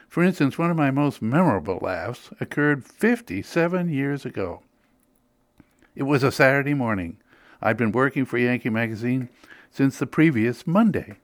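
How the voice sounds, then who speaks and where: A man's voice: medium pitch, no room sound. An older man with a New England accent, narrating a personal anecdote with dry humor as a magazine editor. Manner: wry, dryly humorous. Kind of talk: scripted storytelling narration.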